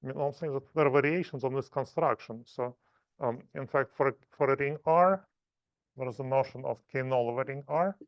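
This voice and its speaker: A man lecturing at a math seminar, thinking aloud in halting phrases and restarting often. His voice sits at a middle pitch. The sound is dry and a bit muffled. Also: no room sound. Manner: halting, self-correcting explanations.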